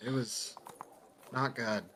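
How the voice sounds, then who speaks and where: A man's voice: mid-range voice, fairly even intonation, takes it slowly, bright, forceful tone, slight background noise, voice pushed down. A man doing a jittery working carpenter. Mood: uneasy. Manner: nervous, hedging, stammering. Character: jittery male carpenter drinking ale after work.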